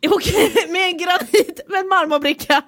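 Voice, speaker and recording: A woman with a notably high voice jokes and teases her way through a podcast conversation. She sounds relaxed and playful. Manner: playful and teasing, laughs often. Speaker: podcast host. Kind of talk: casual chat.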